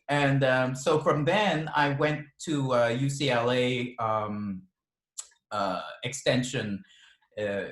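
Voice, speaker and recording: A middle-aged man with a mid-range voice and an accent mixing Ghanaian, British and Californian tells stories as an author guest in a relaxed video interview. He's chatty, laughs often, and restarts sentences with plenty of ums. The video call audio comes from an echoey room.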